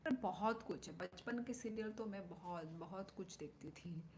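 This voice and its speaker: A woman chatting casually with viewers on a livestream through her phone mic, thinking aloud and slipping into soft whispered asides. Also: lowish voice, normal speed, a little hiss or hum. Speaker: live streamer. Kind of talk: casual live-stream chat answering viewer comments. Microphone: phone microphone.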